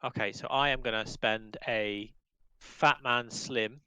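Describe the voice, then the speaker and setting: Teasing man with quick jibes. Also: medium pitch, fairly even intonation, pushed and bright, clear, resonant tone, no room sound, low-quality recording. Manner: teasing, quick with insults and jokes. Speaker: player in a board game session. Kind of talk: casual gaming chat over voice call.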